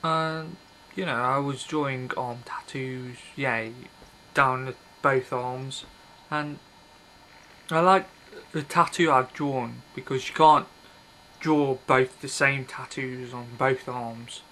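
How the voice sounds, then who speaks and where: A video blogger in his thirties sits indoors in a small red-curtained bedroom, rambling casually to the camera in a blunt, offhand manner and frequently breaking off mid-thought. He speaks slowly in a mid-range voice that sounds pushed and bright, with fairly even intonation. Recorded on the webcam's built-in mic, the audio quality is poor.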